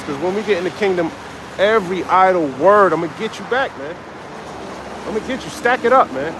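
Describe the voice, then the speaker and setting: This man, a street preacher, has a voice that sits high and reads aloud from scripture during a live stream, then expounds on it with confrontation and profanity. There is background noise in the recording.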